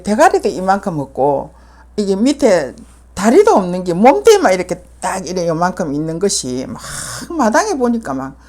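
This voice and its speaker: A woman's voice: medium pitch, darkish tone. An older woman with a Gyeongsang Korean accent, a shaman telling her own story in casual talk, full of fillers and acted-out lines. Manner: vivid retelling with many fillers, acting out others' words.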